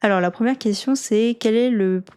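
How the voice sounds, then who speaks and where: A woman hosting a casual interview and running a quiz, self-deprecating and relaxed in manner. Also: fairly high pitch, moderate pace, clear, resonant tone. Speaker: host.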